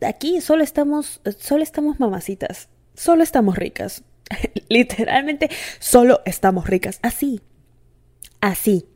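A young woman hosting her podcast in a playful, affectionate, teasing manner, switching between bubbly compliments and soft, hushed asides. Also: mid-range voice. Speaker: podcast host. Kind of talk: casual chat.

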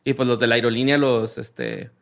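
A man's voice: mid-range voice, steady tone, moderate pace, creaky. A man with a Mexican accent hosting a casual podcast, reading strange news stories aloud in a slangy, laid-back way. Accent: Mexican Spanish.

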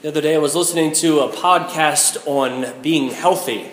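American priest, echoing in a big church. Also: male voice, on the high side, normal speed, fairly bright tone. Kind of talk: liturgical Gospel reading and homily. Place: inside a large church. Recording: echoing large church hall.

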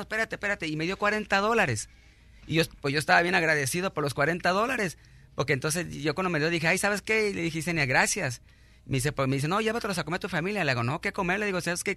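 A middle-aged man tells his own story as a radio guest, halting and restarting as he talks, earnest and grateful. His voice is bright and forward, recorded dry and close. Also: a little high, no room sound.

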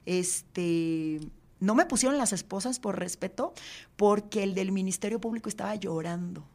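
A woman speaks as an interview guest in a voice of middling pitch. She tells her story earnestly and haltingly, filling pauses with "este" and "eh". She often sinks into a quiet, subdued tone. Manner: earnest, halting, with frequent fillers. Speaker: podcast guest.

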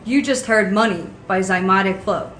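A woman's voice: medium pitch, normal speed. A woman hosting a podcast, asking a band questions in an upbeat, polite way. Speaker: podcast host. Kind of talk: interview hosting. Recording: echoey room with background noise.

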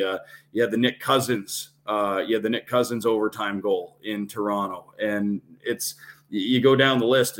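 A man with a lowish, slightly bright voice talks as a radio play-by-play announcer appearing as a podcast guest. He analyses games, building his points step by step with emphatic repetition.

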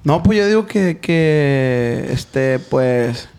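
A man's voice: medium pitch, lively intonation, drawn-out words, darkish tone, smooth. A man in his early twenties with a northern Mexican, Sinaloan accent, rambling and joking in heavy street slang as a guest in a casual chat. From Culiacán, Mexico. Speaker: comedy content creator guest.

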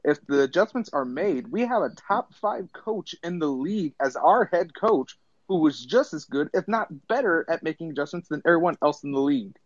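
Male co-host, higher voice, hyped and emphatic, dry muffled audio. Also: expressive, normal speed, no room sound. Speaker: podcast co-host. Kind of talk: casual sports talk.

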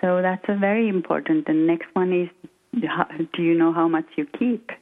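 A woman's voice: fairly low pitch, normal speed. A middle-aged woman from Finland with a Finnish accent, a guest financial coach talking hesitantly with many fillers in an interview. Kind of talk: casual interview talk. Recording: tinny phone-like line.

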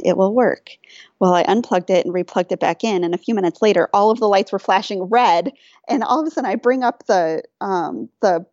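A woman guest on a podcast telling a personal story in casual chat, animated, laughing often and quoting herself and others. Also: mid-range voice, no echo, muffled recording.

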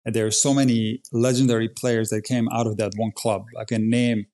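A man's voice: mid-range voice, flat delivery, brisk, mellow. A man in his forties from Croatia, a tennis coach telling his story in a podcast interview in an earnest, plain-spoken way. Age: 40s.

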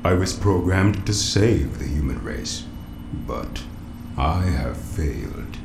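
A man doing a deep, too-smooth android AI. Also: animated, exaggerated voice. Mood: calm. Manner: slow, measured and formal. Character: calm, cold bunker-control computer AI, male-voiced. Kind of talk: audio drama acting. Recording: echoey room with clear background noise.

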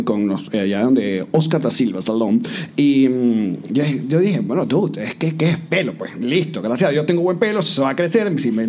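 A man's voice: mid-range voice, warm tone. A young man co-hosting a casual comedy podcast, joking and rambling with lots of fillers, in a hotel room with a live audience. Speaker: podcast co-host.

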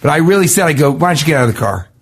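A man's voice: a little high, sing-song, rapid-fire, slightly rough. A man telling a story in casual chat, acting out the people he quotes. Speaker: podcast co-host.

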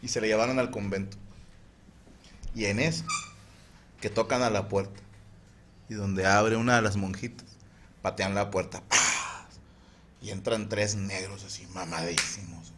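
A man with a Mexican Spanish accent, a podcast co-host telling crude jokes in casual chat, animated and breaking into laughter. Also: lowish voice, a little slow, long pauses, a little hiss or hum.

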